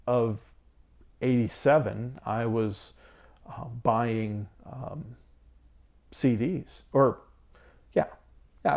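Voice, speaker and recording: A man's voice: medium pitch, a little mellow. A man in his forties talking casually to camera about his records, hesitant with many ums and restarts, losing his voice. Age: 40s. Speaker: vinyl collector vlogger.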